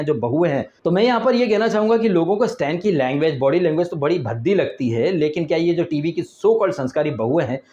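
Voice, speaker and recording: Sarcastic high-voiced male TV reviewer. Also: muffled recording. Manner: sarcastic, mocking, animated. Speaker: TV show reviewer. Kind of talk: casual review commentary.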